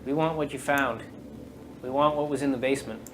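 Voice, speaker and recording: A raspy-voiced man barks curt demands from behind a door, a menacing stranger in a tabletop game, as the game master puts him on. His voice sits at an ordinary middle pitch, and he talks down to the people he threatens. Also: steady tone, fairly quick, noisy background, lightly acted.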